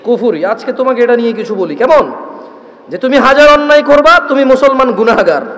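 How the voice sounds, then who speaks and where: A man preaching at a large religious gathering, with a very high, piercing voice. He talks loudly and restlessly, scolding the crowd, and the sound rings with long reverb through the hall. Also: expressive, a little fast. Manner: loud, restless, high-pitched scolding delivery; drops to a quieter, pleading tone at times. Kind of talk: Bengali Islamic sermon. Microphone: PA microphone.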